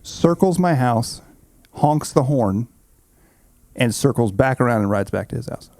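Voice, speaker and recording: Relaxed male podcast co-host, mid pitch, dry close mic, easygoing. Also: unhurried, no room sound. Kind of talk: casual chat.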